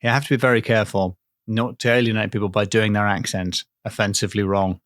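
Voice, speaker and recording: A man's voice: on the low side, level tone, quick pace, a bit bright, dry recording, studio quality. A man co-hosting a comedy podcast, playful and jokey, with a stuffy nose from a cold. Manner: playful, jokey, breaks into laughter. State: bunged up with a cold. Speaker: podcast co-host. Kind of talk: casual comedic chat.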